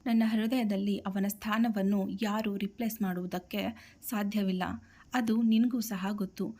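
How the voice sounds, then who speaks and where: A woman's voice: medium pitch, steady tone, measured pace, mellow, natural voice. A woman voicing a grieving young bride in a storybook reading, pleading and mixing in English phrases. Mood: tearful.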